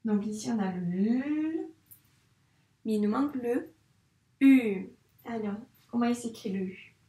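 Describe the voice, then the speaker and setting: A woman teaching young children a dictation, patiently spelling out sounds and syllables clearly for a child. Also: fairly high pitch, steady tone, fairly quick, dark tone. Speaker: primary school teacher. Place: room with a whiteboard. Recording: echoey room.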